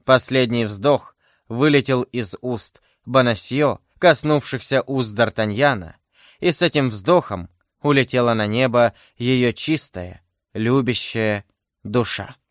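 A man narrating a classic novel aloud as an audiobook, in a steady, measured voice. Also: medium pitch, dry recording, studio quality. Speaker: reader.

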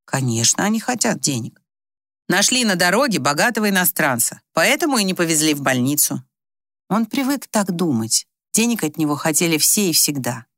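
Low-voiced woman reading an audiobook. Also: very animated, fairly quick, a bit bright, no room sound, studio quality. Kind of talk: audiobook narration.

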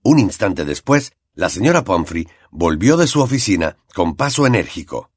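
Expressive male audiobook narrator. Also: low voice, moderate pace, slightly rough, no room sound, clean studio sound. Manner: expressive storytelling. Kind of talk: scripted narration.

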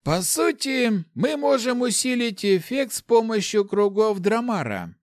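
A man voicing a high-strung male mage who hisses out his schemes in a storybook reading. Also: very animated, unhurried, no echo, studio quality. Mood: scheming.

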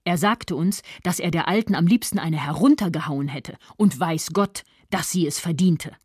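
A woman's voice: lowish voice, normal speed, darkish tone, husky, no echo, studio quality. An indignant self-righteous mother. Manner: prim, indignant storytelling. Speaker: first-person narrator. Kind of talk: radio drama monologue.

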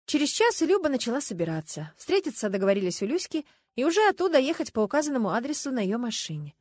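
A woman narrating an audiobook in an even, plain storytelling manner. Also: on the high side, fast talker, husky, no echo. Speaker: audiobook reader. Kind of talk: scripted narration.

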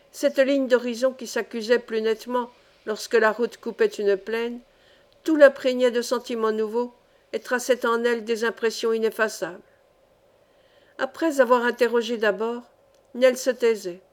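A woman reading an adventure novel aloud in steady, expressive scripted narration. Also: fairly high pitch. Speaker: audiobook reader.

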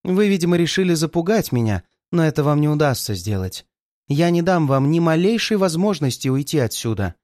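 A murderous young actress who taunts her captive and bursts into furious shouting, as a male reader puts her on. The voice sits high and swings widely, and the recording is dry and close. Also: sing-song, brisk, no room sound. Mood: gloating. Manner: threatening, mocking, shouting in fury. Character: cold murderous young woman, stage performer.

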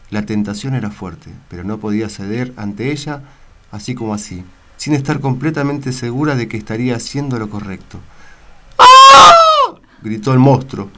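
A man reading a grim story aloud on the radio, going from hushed to loud. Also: medium pitch. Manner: expressive, swings from hushed to loud. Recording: loud noise on radio recording.

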